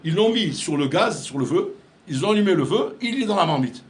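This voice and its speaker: Man, rabbi, lively sermon, words, fairly high voice, echoey room. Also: brisk, slight background noise. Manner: storytelling with acted dialogue, swings between loud and hushed. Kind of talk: animated sermon. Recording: echoey room with faint ambience.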